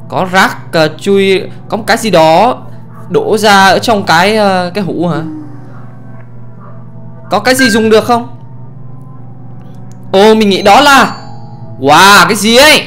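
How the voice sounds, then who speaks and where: A man giving let's play commentary on a horror game, excitable and often exclaiming and swearing casually. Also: sits high. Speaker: gamer, channel host.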